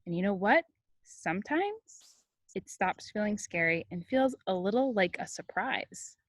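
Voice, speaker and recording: A woman's voice: mid-range voice, very animated, unhurried, dry recording. Woman reading as a kind storybook dad, patient n encouraging, dry close sound. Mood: gently reassuring. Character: gentle, reassuring father of a young boy.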